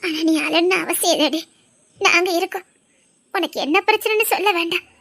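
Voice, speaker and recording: A woman's voice: extremely high pitch, brisk, a bit bright, no echo, studio quality. A woman acting in a family drama, speaking in an emotional, comforting way. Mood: consoling. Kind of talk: Tamil serial drama acting.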